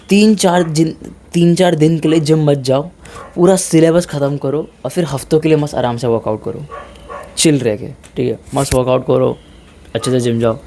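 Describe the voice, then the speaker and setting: A slight hum of background noise sits behind this young man's mellow, fairly high-pitched voice. As a fitness vlogger, he gives casual, no-nonsense advice on the gym and studying, switching into English at times and frequently calling people "bhai."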